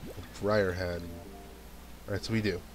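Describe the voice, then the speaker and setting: A low-pitched man with a stuffy nose gives flat, measured commentary as he plays a video game. Background game music sits under his voice while he thinks through what to do next in this let's play.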